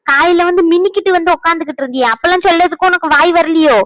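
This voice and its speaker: A woman plays a bitter cartoon mother-in-law who hurls quick, high-pitched accusations at her son. The voice is recorded close and dry, with no room around it. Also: no echo, rough recording. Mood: scolding. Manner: sharp, accusing, rapid scolding. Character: bitter, scolding Tamil village mother-in-law. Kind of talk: cartoon family-drama voice acting.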